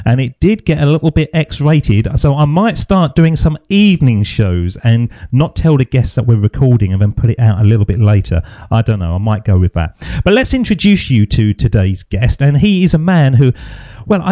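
A chatty English man hosts a podcast interview with a lively, swooping voice. His tone is mellow and soft-edged, and the sound is dry and close. He jokes easily and keeps things moving. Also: medium pitch, dry recording. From England. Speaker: podcast host. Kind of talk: casual interview chat. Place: home garden studio. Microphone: internet call recording.

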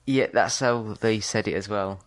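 A man's voice: on the low side, moderate pace. Chatty British man, casual podcast talk. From Britain. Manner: relaxed, chatty, hedging. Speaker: podcast co-host. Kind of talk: casual chat.

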